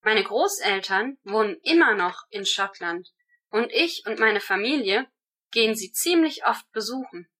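A woman giving rehearsed answers to German speaking-exam questions in a steady, measured way. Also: mid-range voice.

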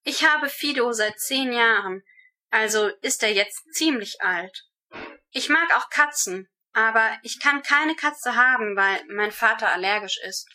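A woman giving rehearsed answers to German speaking-exam questions in a steady, measured way. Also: a little high.

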